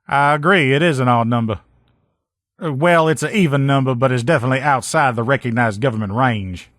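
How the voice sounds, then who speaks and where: Voicing an upbeat, loyal army lieutenant who mends armor in a video game, a man sounds matter-of-fact and determined, plain-spoken and folksy, informal and sure of himself. He has a natural mid-range voice, brisk and a bit bright. It's a dry recording with no echo or room around it.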